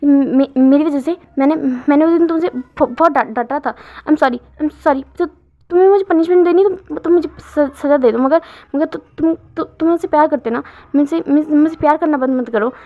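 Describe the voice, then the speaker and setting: A woman's voice: high-pitched, moderate pace, natural voice. A woman voicing a lovestruck young man who pleads in tears, stammering and repeating words. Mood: pleading. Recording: dull lo-fi recording.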